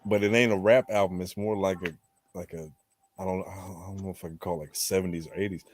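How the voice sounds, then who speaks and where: A man co-hosting a casual podcast chat, rambling loosely and quick to laugh. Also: low-pitched, fairly even intonation. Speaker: podcast co-host.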